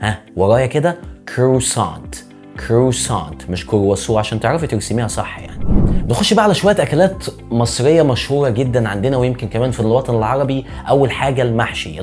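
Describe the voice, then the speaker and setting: An Egyptian man gives an English vocabulary lesson, his pitch leaping up and down as he talks. He drills each word with slow repetitions and breaks in with jokes. Quiet music plays faintly underneath. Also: expressive. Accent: Egyptian Arabic. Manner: drills words by slow repetition, joking asides. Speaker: English teacher.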